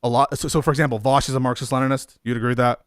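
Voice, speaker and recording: A man's voice: mid-range voice, flat delivery, racing, smooth, no echo, studio quality. A man hosting a heated debate, arguing and cutting in with repeated requests to wait. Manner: interrupts with repeated "wait", argumentative. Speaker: debate host.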